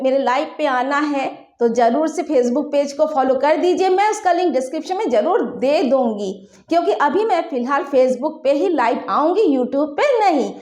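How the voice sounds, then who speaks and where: A woman teaching a language lesson, patiently repeating and drilling words slowly, checking in with her viewers. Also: sits high, darkish tone, reverberant. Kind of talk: Hindi-medium language lesson.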